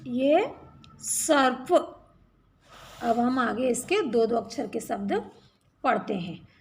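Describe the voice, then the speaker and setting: Slow, patient woman teaching reading. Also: fairly high pitch, animated, gravelly, slight background noise. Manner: patient, repeats words and asks check questions. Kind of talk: slow children's reading lesson.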